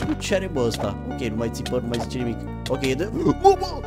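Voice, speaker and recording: A young man giving excited gameplay commentary, talking straight to viewers and swinging from hushed murmurs to sudden yelps. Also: mid-range voice. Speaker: gaming YouTuber. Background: game music.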